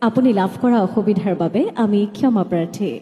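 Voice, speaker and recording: A woman making formal railway station announcements over a public-address loudspeaker, in a slow, measured, carefully spaced delivery. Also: mid-range voice, highs cut off. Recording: reverberant station hall, from far off.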